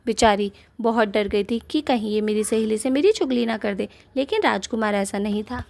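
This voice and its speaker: A woman telling a cartoon story. She narrates plainly and steadily, at a mid pitch. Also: moderate pace, creaky, a little mellow.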